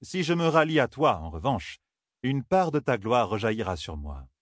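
A man voicing a proud, scheming male sorcerer in an audiobook, speaking in a measured, calculating way. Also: medium pitch, sing-song, no room sound, studio quality, voice pushed up. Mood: reasoning.

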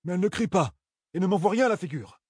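A man's voice: on the high side, expressive, normal speed, darkish tone, husky, dry recording, studio quality, voice pushed up. A man voicing an earnest young man who protests with indignation. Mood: indignant.

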